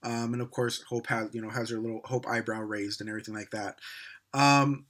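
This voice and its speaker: A chatty man recaps the latest drama in a bright, forward voice. He talks casually, full of fillers and gossipy asides, and he slips into mocking voices when he quotes the characters. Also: mid-range voice, level tone, brisk. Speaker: soap opera recap host.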